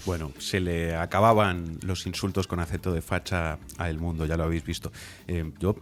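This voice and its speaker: Deep-voiced critical man. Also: flat delivery, normal speed. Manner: critical, argumentative. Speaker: regular commentator. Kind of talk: political talk show commentary.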